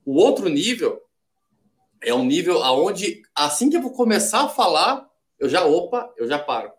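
A man's voice: high-pitched, sing-song, moderate pace. A man from Brazil, a podcast guest in casual chat, explaining ideas step by step and acting out little quoted examples. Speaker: podcast guest, sales development rep.

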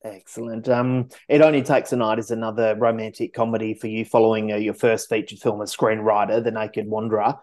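A man's voice: on the low side, flat delivery, brisk, hardly any pauses, darkish tone. A man with an Australian accent hosting a film podcast, reading guest introductions and chatting with filmmakers. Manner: reads introductions, then chats. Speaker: podcast host. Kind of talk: casual interview.

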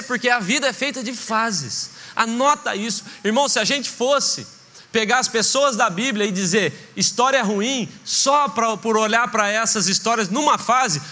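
A man's voice: high voice, sharp tone. A man pastor preaching a sermon with passion, acting out short voices in his stories. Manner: impassioned preaching, acts out voices in anecdotes. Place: church. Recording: reverberant church hall.

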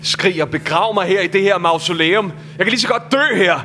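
A man's voice: high-pitched, bright, forceful tone, slight background noise. Intense man in a stage reading. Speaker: stage actor.

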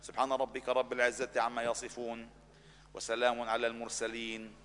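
A man's voice: mid-range voice, monotone, a little fast, a bit bright, slight background noise. A man with a Lebanese accent, an imam delivering the closing prayers of a Friday sermon in a chanted, fervent supplication. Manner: chanted supplication, rising in fervor. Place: mosque. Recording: long reverb of a mosque hall.

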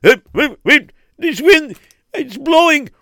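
A man voicing a pious, excitable middle-aged man who stammers and exclaims. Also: medium pitch, normal speed, a little hiss or hum. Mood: panicked.

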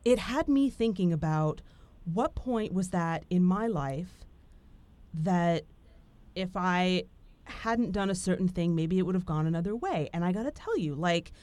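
A woman hosting a podcast, telling stories in a lively casual chat with lots of fillers. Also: fairly low pitch, unhurried, dry recording. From Italian heritage. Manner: animated, storytelling with frequent fillers. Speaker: podcast host. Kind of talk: casual conversation.

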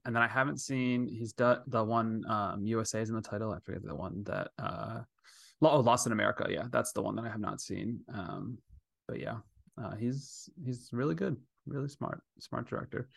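A man with a lowish voice and plenty of vocal fry hosts a podcast. His delivery is casual and conversational. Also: moderate pace, sharp tone, dry recording, studio quality. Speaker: podcast host. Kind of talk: casual, chatty hosting.

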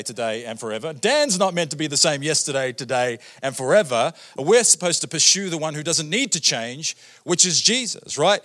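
A man in his thirties with a New Zealand accent preaches a sermon as a guest pastor in a church auditorium. His voice is on the high side and fairly bright, and he's chatty and joking, full of fillers and "right?" tags.

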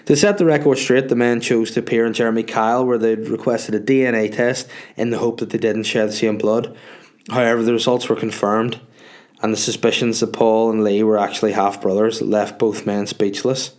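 A man's voice: lowish voice, level tone, a little fast, a little mellow. A man with a sniffly head cold hosting a podcast, chatting casually and bluntly, rambling and swearing as he answers listeners. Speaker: podcast host. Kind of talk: casual solo chat answering listener questions.

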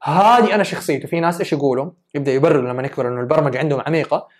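A woman's voice: low-pitched, lively intonation, rapid-fire. A woman giving an earnest, emphatic self-development talk. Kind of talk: motivational talk.

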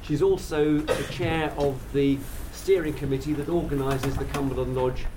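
A man chairing an event, introducing it in a courteous, measured and formal way. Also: on the high side, fairly even intonation. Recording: distant mic, faint noise.

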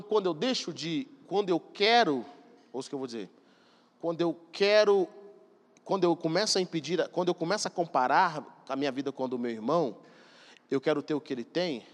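A man preaching a sermon, emphatic and speaking straight to the congregation. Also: on the high side. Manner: emphatic, addresses congregation directly. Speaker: pastor. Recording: long hall reverb.

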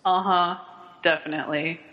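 A man's voice: a little high, fairly even intonation, normal speed. Upbeat giggly young man, echoing. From Kentucky. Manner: giggly, upbeat, laughs between lines. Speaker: podcast host. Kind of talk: casual chat. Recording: muffled audio, long room reverb.

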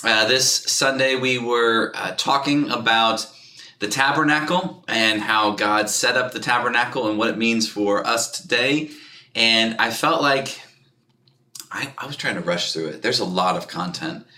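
A man hosting a church podcast, chatty and energetic, laughing often and a little out of breath. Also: lowish voice, unhurried, echoey room. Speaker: podcast host and pastor. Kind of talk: casual chat. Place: church studio.

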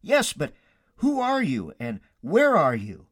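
A man voicing a terrified man hanging from a cliff branch, yelling and pleading frantically. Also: a little high, huge pitch swings, slow, slightly rough, dry recording, clean studio sound, voice pushed up, exaggerated voice. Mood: frantic pleading.

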